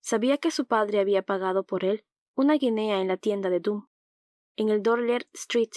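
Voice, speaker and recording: A woman narrating an audiobook in a calm, even reading voice, close to the mic. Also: medium pitch, moderate pace, dry recording.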